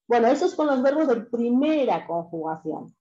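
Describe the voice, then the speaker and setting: Teaching an online French lesson, a woman explains things patiently and constantly checks that her students keep up. Her voice is a little high and dark in tone, very animated at a moderate pace, and the dull lo-fi class audio has a slight hiss or hum.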